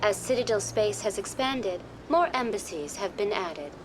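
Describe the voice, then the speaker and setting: A woman voicing a courteous virtual intelligence guide in a science fiction game, formal, measured and impersonal. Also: medium pitch, lively intonation, background noise, close to an everyday voice. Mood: polite, composed. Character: courteous female virtual intelligence tour guide on a space station. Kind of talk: scripted informational game dialogue.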